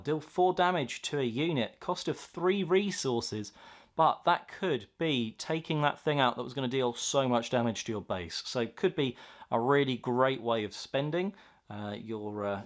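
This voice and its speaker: A man chatting casually and enthusiastically as he hosts an unboxing, reacting aloud to what he finds. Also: medium pitch. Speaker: host of a card pack opening video.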